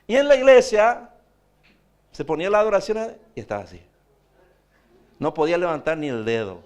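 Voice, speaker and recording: A man, preaching a sermon as pastor, pressing his point with repeated rhetorical questions. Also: on the high side.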